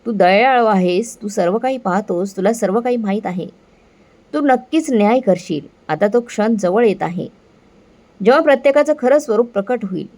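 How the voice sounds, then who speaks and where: A woman voicing a patient, devout elderly mother-in-law in calm, prayerful speech. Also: mid-range voice, normal speed, close to an everyday voice.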